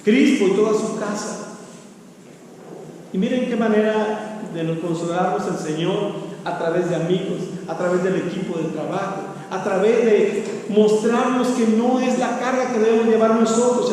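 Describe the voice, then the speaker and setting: A Mexican pastor with a notably high voice preaches earnestly, often sinking to a soft, low delivery for emphasis. He is picked up from far off in a church hall with long, heavy reverb and faint background noise. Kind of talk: sermon. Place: church sanctuary.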